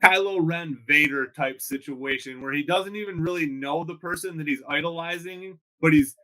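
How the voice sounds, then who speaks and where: A man's voice: on the high side, moderate pace, bright, forceful tone, low-quality recording. A man co-hosting a podcast in casual chat, leaning on fillers like "you know what I mean.".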